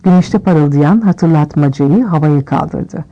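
A woman reading a novel aloud as scripted narration, shifting her pitch a little for each character. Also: measured pace, muffled recording. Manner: reads all characters with small pitch shifts. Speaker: audiobook reader.

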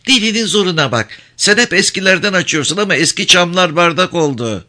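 A man's voice: sits high, expressive, a little fast, pushed and bright, voice pushed up, full character voice. A man reading a novel aloud, voicing a worldly, outspoken woman who talks bluntly. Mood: mocking. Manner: blunt, unabashed and mocking. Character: brash, worldly woman, a seasoned streetwalker.

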